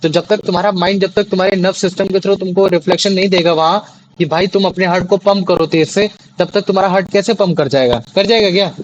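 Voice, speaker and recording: A young male teacher leads a classroom lesson, pitched fairly high for a man. He keeps circling back with questions to make sure the class follows. Faint noise sits under the recording. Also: steady tone, fast talker, highs cut off. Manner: repeats questions to check understanding.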